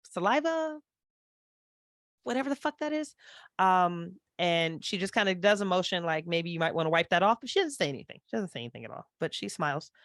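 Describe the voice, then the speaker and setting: A woman narrating a tabletop horror game as game master, relaxed and descriptive, with a habit of filler words. Her voice sits slightly low. The sound is dry and close, with no room echo. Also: a little fast. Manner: casual, descriptive, frequent fillers.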